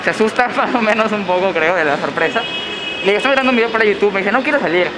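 A young man, vlogging and retelling street encounters in a quick, animated way, quoting what was said. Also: sits high. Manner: fast, animated retelling with quoted lines. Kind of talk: casual storytelling. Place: indoor shopping mall and supermarket. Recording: loud mall background noise.

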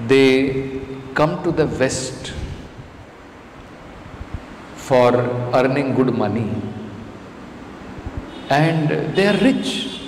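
Speaking at a medium pitch with an Indian accent, a middle-aged man delivers a forceful scripture lecture illustrated with everyday examples, stressing points through repetition. He uses a close stand microphone in an indoor temple lecture room, where the hall reverb is roomy and faint background noise lingers.

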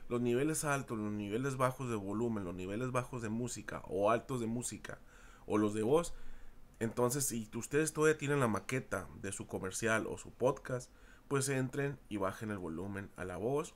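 A middle-aged man, a university audio teacher giving a loose, repetitive recorded lecture to his students. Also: mid-range voice. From Mexico. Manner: informal, repeats himself, addresses students as chicos. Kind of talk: screen-recorded class lecture.

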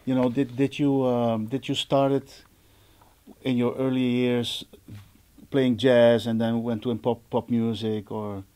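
In an indoor studio with a stage setup, a percussionist host in his forties, Dutch-accented, talks casually with fellow musicians for an interview. He speaks a little slowly, his medium-pitched voice mellow and fairly flat in pitch.

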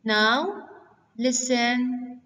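Female primary teacher, highish voice, drawn-out toddler-level question and answer, recorded distantly in a reverberant room. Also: fairly bright tone. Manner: slow, simple teacher talk as if reading to a toddler, asking and answering. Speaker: English teacher. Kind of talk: lesson for young children. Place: classroom, standing at a whiteboard, far camera at first. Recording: echoey hall, distant mic.

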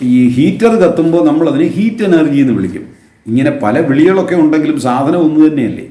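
A man giving a religious lecture on a Sanskrit hymn, patiently explaining with everyday examples and slowly drawing out the sacred names. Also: a little high, dark tone, reverberant. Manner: slow, drawn-out chanting of sacred names.

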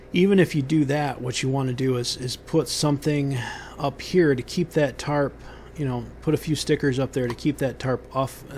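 A man giving unscripted how-to instructions on a building site outdoors, pausing often with ums and restarting his sentences. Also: medium pitch, darkish tone, slight background noise. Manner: halting, many ums and restarts.

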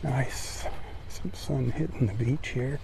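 An older man giving relaxed, admiring commentary on a live-streamed beach walk, recorded outdoors on a phone he carries. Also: medium pitch, slow, vocal fry, background noise. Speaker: vlogger walking the beach. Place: outdoors on a sandy beach by the sea. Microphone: phone held while walking.

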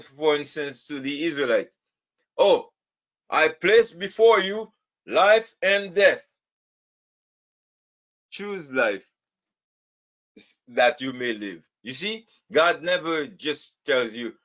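A man teaching a Bible class in a lively, animated way, often laughing and breaking into emphatic high bursts. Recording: dull lo-fi recording.

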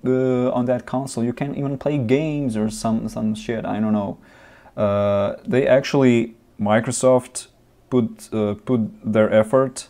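In a small room, a young non-native English-speaking gaming vlogger rants casually into his desk webcam, framed close, restarting often and using many fillers. His voice is mid-range and mellow.

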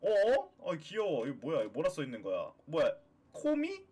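A man streaming a game as a VTuber, chatting playfully with viewers and breaking into excited cheers. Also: on the high side, moderate pace, husky. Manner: playful, excitable, shouts and cheers while playing. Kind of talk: live game stream chat.

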